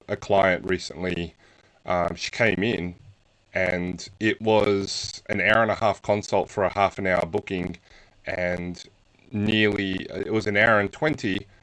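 A man co-hosting a podcast interview and talking about his clients, speaking hesitantly with many pauses. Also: low voice, a bit bright, poor audio.

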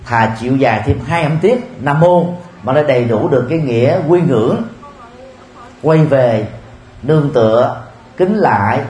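Man giving a measured Buddhist dharma talk. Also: medium pitch, a little mellow. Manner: measured, with frequent filler pauses. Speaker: Buddhist teacher. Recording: roomy with faint ambient noise.

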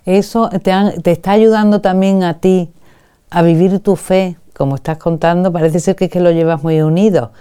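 A woman interviewer asks her questions in a calm, measured way. Her voice is low and mellow, and it comes through clean and smooth. She speaks briefly and lets the guest talk.

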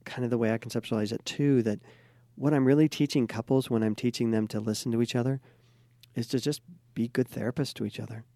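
A man who is a couples therapist and host, chatting casually and telling a client's story with lively acted-out quotes. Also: mid-range voice, quick pace, no echo, studio quality.

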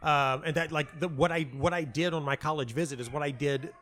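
This American man from North Carolina, a playwright and audio dramatist, speaks as an interview guest in a hotel lobby. His voice sits on the high side, steady and a bit bright, moving a little fast. He tells his story casually and reflectively, often cutting himself off and repeating words.

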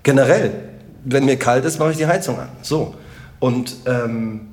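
A middle-aged man with a Rhineland German accent, a comedian chatting as a podcast guest in an animated, joking and emphatic way. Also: mid-range voice, a little slow. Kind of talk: casual podcast conversation.

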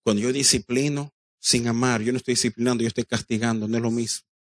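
A man's voice: mid-range voice, fairly even intonation, fast talker, no room sound. Emphatic preacher man with a dry sound. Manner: emphatic preaching, addresses the congregation directly, acts out quoted dialogue; drops English phrases into Spanish. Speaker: pastor. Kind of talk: sermon.

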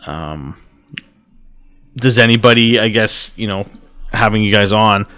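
Slow, bright-toned male host. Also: fairly low pitch, smooth. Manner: rambling, hedging, with many fillers. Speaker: podcast host. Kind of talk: casual chat.

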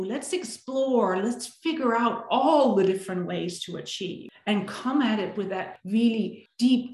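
A woman's voice: medium pitch, darkish tone. A woman from Denmark, a coach talking earnestly in a podcast conversation and often checking in with "right?". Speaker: guest, coach for high achievers. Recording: roomy, echoey sound.

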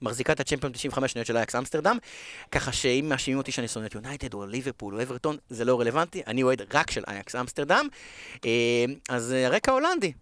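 Chatting casually on a podcast, an Israeli-accented football broadcaster being interviewed hammers his points home by repeating phrases. He has an expressive, mid-range, fairly bright voice with no room sound.

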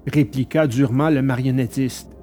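A man narrating a storybook in an animated, expressive way. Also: mid-range voice, normal speed, faint music behind. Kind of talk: storybook reading.

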